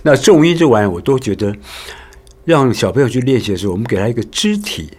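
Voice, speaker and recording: Husky-voiced man teaching with lively pitch. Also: fast talker. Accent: Taiwanese Mandarin. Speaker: voice actor and teacher. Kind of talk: casual podcast chat, teaching.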